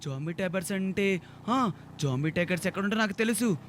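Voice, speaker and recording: A man giving theatrical, excitable commentary on a game video aimed at children. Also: high voice, a little fast, a little hiss or hum. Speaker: gaming video narrator.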